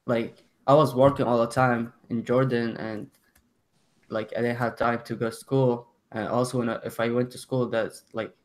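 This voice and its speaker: Teen boy from Syria, flat voice. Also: medium pitch. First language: Arabic. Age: teens. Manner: halting, many "like" fillers, self-corrections. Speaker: student panelist. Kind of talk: telling his story on a panel.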